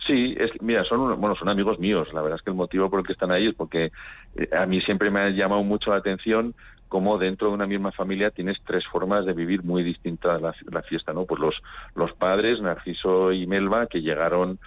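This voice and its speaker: A documentary filmmaker from Pamplona, Spain, is interviewed over a phone-like radio link, chatting casually and anecdotally in a northern Spanish accent. His low-pitched voice stays steady in tone, he talks briskly, and there's no echo.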